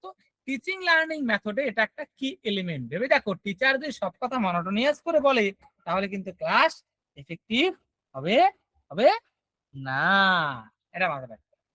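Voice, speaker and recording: A man's voice: high voice, big pitch swings, a little fast, long pauses, sharp tone, no echo, rough recording. A man teaching an online class, explaining step by step and often checking whether students follow.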